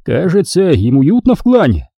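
A man reading the part of a calm, wise older male Jedi master in an audiobook, speaking in a measured, unhurried way. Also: on the high side, vocal fry, slightly rough, dry recording, studio quality, voice pushed up, exaggerated voice.

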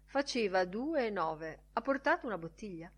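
A man's voice: high-pitched, very animated, moderate pace. A woman voicing a polite, obliging male chemist serving a customer in an audiobook. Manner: polite, deferential.

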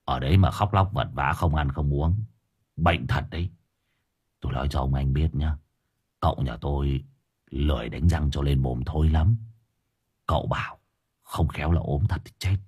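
A man's voice: moderate pace, pauses often, a little mellow, slightly rough. A man voicing a cheeky male servant who mutters and grumbles. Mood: grumbling. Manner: low mumbling grumble, cheeky.

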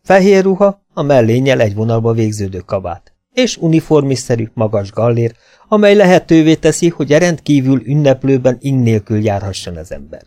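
Male audiobook narrator, mellow and warm tone, plain storybook reading. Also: mid-range voice, very animated. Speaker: audiobook reader.

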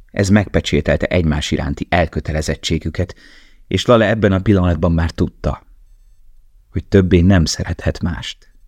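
A male audiobook narrator with a very deep, low voice, reading calmly and evenly. The recording is dry and close, with no room sound at all. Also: dry recording. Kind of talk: scripted narration.

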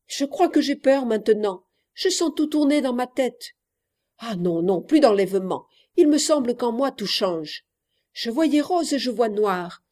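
A woman's voice: a little high, darkish tone. A woman voicing an impulsive seventeen-year-old girl who longs to elope, declaiming a theatrical verse monologue. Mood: anxious.

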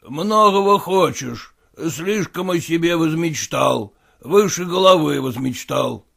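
A man's voice: on the high side, animated, takes it slowly, gravelly, a bit bright, full character voice. A man voicing a stern elderly general who talks curtly and commandingly. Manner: curt, commanding, dry laughter. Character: stern elderly male general, gruff and mocking.

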